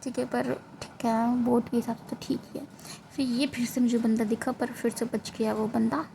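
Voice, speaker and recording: A woman's voice: on the high side, flat delivery, moderate pace, vocal fry, slight background noise, rough recording. Woman narrating gameplay, self-mocking. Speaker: gaming creator. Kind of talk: casual gameplay commentary. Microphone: phone.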